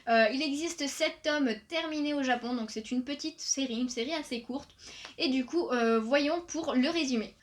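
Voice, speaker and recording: A woman's voice: high voice, normal speed. A young woman chatting casually on her video channel, full of fillers, reading book summaries aloud. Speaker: manga YouTuber. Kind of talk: casual video chat reviewing new releases.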